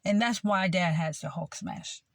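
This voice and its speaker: A woman's voice: fairly low pitch, unhurried, gravelly, no echo. A woman delivering a rambling religious monologue, meandering with frequent fillers and repeated words. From United States. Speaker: self-styled preacher.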